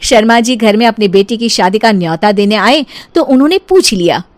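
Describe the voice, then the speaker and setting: ऊँचे सुर वाली महिला कथावाचक. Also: female voice, fairly high pitch, lively intonation, moderate pace. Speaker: storyteller. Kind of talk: scripted comic cartoon story narration.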